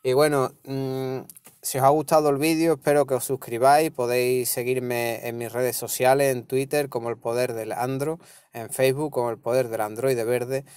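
Relaxed Spanish man explaining a phone tutorial. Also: medium pitch, moderate pace, smooth, dry recording. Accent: Spanish from Spain. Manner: relaxed, explaining step by step with frequent "¿vale?" and "¿veis?". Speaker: tech tutorial host. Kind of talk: casual screen-recorded tutorial.

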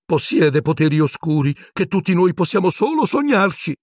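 Squeaky shrill rat of a wizard, stammering and panicky, husky edge. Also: male voice, big pitch swings, moderate pace, a little mellow, no echo, studio quality. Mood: pleading. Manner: stammering, pleading, breathless.

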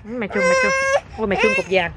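A woman's voice: on the high side, huge pitch swings, rapid-fire, gravelly. A woman filming her toddler on a boat, cooing and teasing the child in a mix of Vietnamese and English. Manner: coos and teases a crying toddler, mixing Vietnamese and English. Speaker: mother filming her baby. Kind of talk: casual family vlog chat. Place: outdoors on a boat. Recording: loud outdoor noise, handheld camera.

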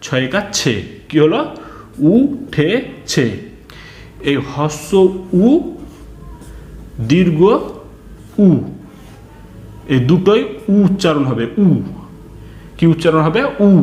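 A man's voice: fairly high pitch, darkish tone, roomy sound. A man teaching a reading lesson to children, spelling out words syllable by syllable and asking his pupils questions.

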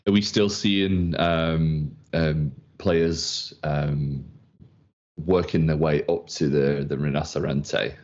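A man's voice: very deep voice, steady tone, extremely slow, darkish tone. A man hosting a casual livestream chat, friendly and hesitant with many fillers. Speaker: community stream host. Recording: dull lo-fi stream audio.

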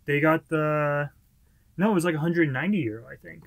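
A man's voice: a little high, vocal fry, no echo. A young man reacts to a food video in a small room and talks in a casual, reflective way, often stretching out his phrases. His voice sounds dry and close. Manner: chatty, reflective, drawn-out phrasing. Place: small indoor room with posters.

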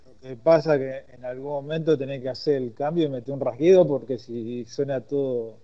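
A man's voice: mid-range voice, normal speed, warm tone, dull audio. A man, an online guitar student, who mostly answers with short agreements and brief questions. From Argentina. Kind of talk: casual lesson talk.

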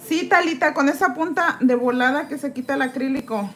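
A chatty woman from Mexico, talking in a somewhat high voice as she files acrylic off her nails. She reads viewer comments aloud, answers them and greets each viewer by name. A faint hum of the nail drill and the room sits under her voice. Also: a little fast, a bit bright. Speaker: nail tech streamer. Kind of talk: casual live-stream chat. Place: indoors at a nail desk.

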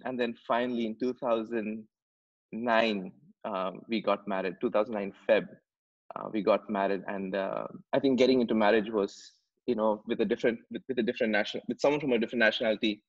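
His voice is lowish, steady in tone and a little fast: a man in his thirties from Dubai, guesting on a podcast by video call. He tells his story earnestly and conversationally, often repeating words as he searches for phrasing, from a home room with plants and shelves, in slightly muffled audio.

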